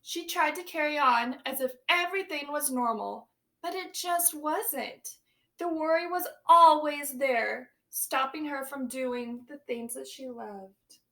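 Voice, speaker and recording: A young woman teacher reads a picture book aloud to children in a high, bright, clear voice. She takes her time, reads with lively expression, and pauses to ask her listeners questions.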